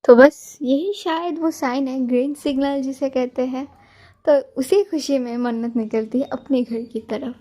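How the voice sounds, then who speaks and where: A woman's voice: sits high, fairly even intonation, measured pace, warm tone. Chatty young woman telling a story. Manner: chatty, talks to listeners directly. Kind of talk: casual storytelling narration.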